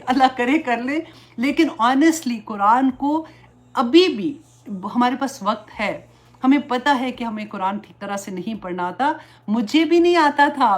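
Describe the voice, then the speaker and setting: A middle-aged woman religious teacher giving an earnest, pleading lecture, mixing English words into her talk. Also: on the high side. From Pakistan.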